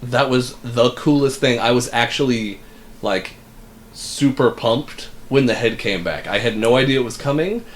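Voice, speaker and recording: A man's voice: mid-range voice, normal speed, slight background noise. A man co-hosting a casual film review podcast, enthusiastic and easygoing. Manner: enthusiastic, casual, uses "super" a lot. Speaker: podcast co-host.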